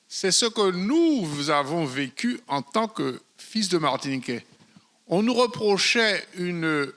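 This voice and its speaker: A man from French Guiana who has lived in Martinique for decades, telling a story with lively rhetorical asides at a public debate. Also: high voice.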